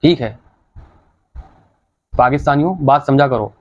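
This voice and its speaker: A man's voice: medium pitch, measured pace, muffled recording. A man hosting a reaction video, giving blunt, scolding, argumentative commentary in casual speech.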